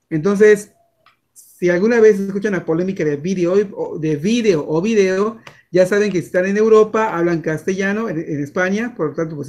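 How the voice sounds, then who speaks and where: A man's voice: high-pitched, darkish tone. A Mexican man teaching a class over a video call, chatty and full of fillers and restarts. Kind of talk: online class lecture.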